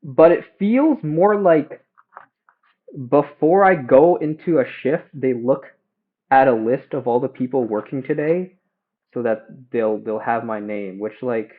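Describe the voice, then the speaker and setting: A young man chatting casually and haltingly while cooking at home, livestreaming through headphones used as a mic. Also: mid-range voice, phone-quality sound. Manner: hesitant, halting, self-questioning. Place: home kitchen. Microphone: headphones used as a phone mic.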